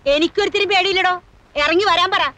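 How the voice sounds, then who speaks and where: An actress playing a bossy, quick-tempered old grandmother who owns the house, scolding and giving orders in film dialogue. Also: extremely high pitch, bright, forceful tone. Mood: indignant, bossy. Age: older. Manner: scolding, commanding.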